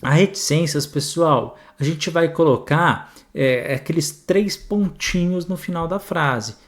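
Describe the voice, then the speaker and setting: Pitched fairly high and speaking a little slowly, a Brazilian Portuguese-accented man teaches exam grammar. He's animated and conversational, regularly checking in with the class.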